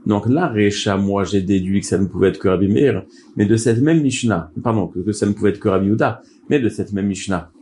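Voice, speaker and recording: Low, mellow-voiced man teaching Talmud. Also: a little fast, a little hiss or hum. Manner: explanatory, mixing Hebrew-Aramaic terms into French. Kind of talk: daily Talmud class.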